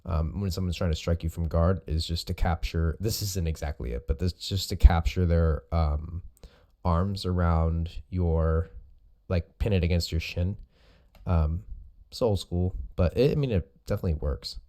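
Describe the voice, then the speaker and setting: A man's voice: low voice, moderate pace, dark tone. A man speaking as a host and coach, giving casual, informal explanatory commentary over recorded sparring footage. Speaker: host and jiu-jitsu coach.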